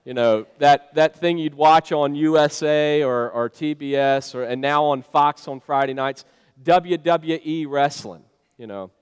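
A man's voice: a little high, unhurried, smooth. A man preaching a sermon in a conversational, storytelling way, with frequent fillers. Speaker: pastor. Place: church sanctuary. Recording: long church reverb.

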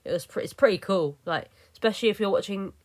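This vlogger talks fast at a medium pitch as she narrates her own footage. She's a young woman giving a casual, rambling voice-over, full of fillers and false starts.

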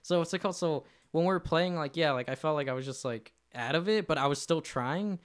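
A young man with a fairly high voice rambles through a story on a casual podcast. His telling is loose and packed with fillers and self-corrections. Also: fairly quick, clear, resonant tone. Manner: rambling, many fillers and laughs. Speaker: podcast co-host.

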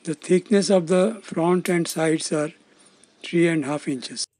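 Step by step and from a script, a man narrates a technical demonstration of loudspeaker testing. He speaks at a measured pace in a slightly high, slightly mellow voice.

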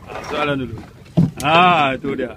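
A man giving excited, chatty commentary on his catch from a small open boat, filmed on a handheld phone. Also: mid-range voice, normal speed, heavy background noise. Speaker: angler filming his fishing trip. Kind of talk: casual running commentary.

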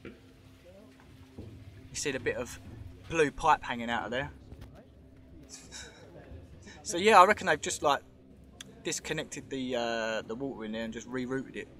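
A vlogger films with a handheld camera inside an underground show cave, chatting and rambling, speculating and pointing things out. His voice is medium-pitched, pushed and bright, with a measured pace and frequent pauses.

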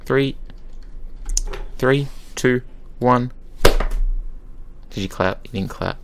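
A man's voice: mid-range voice, drawn-out words, vocal fry, background noise. A man hosting a gaming video, bantering casually over voice chat and swearing now and then. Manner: laid-back, swears casually. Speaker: gaming channel host. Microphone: desktop microphone for voice chat.

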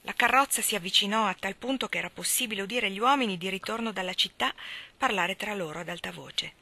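A woman narrating a story aloud in a measured, expressive way, often dropping to a near whisper. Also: mid-range voice. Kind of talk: storybook reading.

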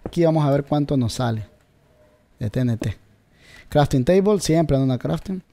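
Mellow chatty gamer man. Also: a little high, animated, normal speed, vocal fry. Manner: chatty, talks straight to viewers, searches aloud for words. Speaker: gameplay video creator. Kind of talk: casual gameplay commentary.

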